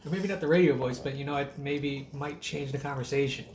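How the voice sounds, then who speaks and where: A man's voice: mid-range voice, fairly quick, darkish tone, echoey room. A man hosting a casual chat, laid-back, joking and profane.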